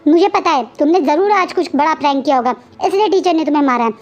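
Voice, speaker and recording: A woman voicing a stern young man who scolds his fiancé rapidly with a raised voice, on a dull lo-fi recording. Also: sits high, natural voice. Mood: angry, scolding.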